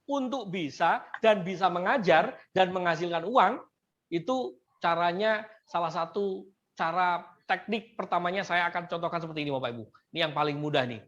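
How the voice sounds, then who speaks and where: A woman presenting a seminar to teachers, often addressing the audience and modeling simple English phrases slowly. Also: on the low side, dull audio.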